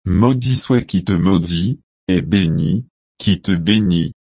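A man voicing an old blind father giving his blessing, in a slow, solemn reading. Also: low voice, darkish tone, breathy edge, dry recording, heavily acted.

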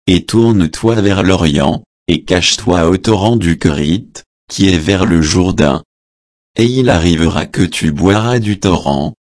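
A man with a very deep voice reads scripture slowly and evenly, stopping now and then to add footnotes in a lower, quieter aside. The sound is close and dry. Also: no echo. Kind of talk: Bible reading with spoken footnotes.

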